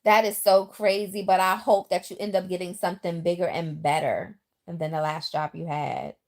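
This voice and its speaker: She speaks at a moderate pace in a lowish voice, a middle-aged woman who left the Bronx for the South, so her New York accent now carries some Southern twang. She's chatty and lively on her livestream, addressing viewers directly and reading their comments aloud into a phone microphone.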